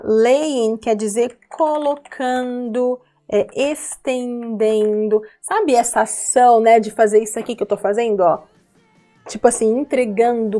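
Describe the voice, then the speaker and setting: Her voice sits on the high side and is a little mellow. Teaching English pronunciation from song lyrics, she patiently repeats words slowly and keeps checking in with her listeners.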